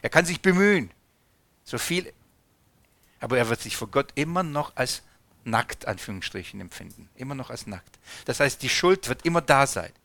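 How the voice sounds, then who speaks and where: A man with a bright, forceful voice preaches a conversational sermon. He keeps asking his listeners questions and calls them friends. The sound is dry and close. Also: medium pitch, moderate pace, no room sound. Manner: lively, asks the audience questions and addresses them as friends.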